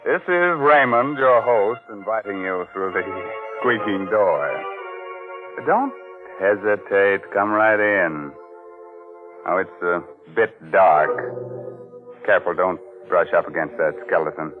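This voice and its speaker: A man playing a gleefully macabre horror host in vintage 1940s radio narration, mock-sinister and theatrical, with drawn-out delivery. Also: deep voice, narrow, tinny audio, music in the background.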